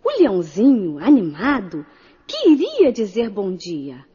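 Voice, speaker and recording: Female storyteller for kids, husky and mellow, expressive, dull lo-fi recording. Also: mid-range voice, takes it slowly. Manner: expressive, addresses the child listener. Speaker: narrator. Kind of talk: scripted children's story narration. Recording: dull lo-fi audio.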